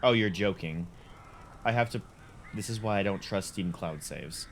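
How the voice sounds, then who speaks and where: A man's voice: lowish voice, normal speed, a little hiss or hum. A man hosting a casual let's play, talking carefully with a sore jaw and a mouth that does not fully open. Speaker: gaming channel host.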